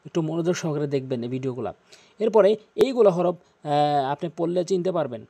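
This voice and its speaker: A man teaching Quran recitation, repeating each Arabic letter slowly to show how it is said. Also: a little high, expressive, creaky, dark tone. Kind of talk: tutorial on pronouncing Arabic letters.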